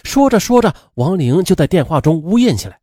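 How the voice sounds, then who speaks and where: Lively man retelling a true-crime story. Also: sits high, brisk, no room sound, studio quality. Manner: chatty retelling with frequent fillers.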